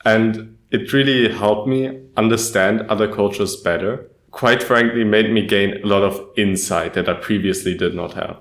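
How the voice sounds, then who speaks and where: A young man from Germany co-hosting a student podcast, talking in a measured, earnest way. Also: fairly low pitch, reverberant. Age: young adult. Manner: measured, earnest, says "quite frankly" often. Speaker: podcast co-host. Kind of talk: casual podcast chat.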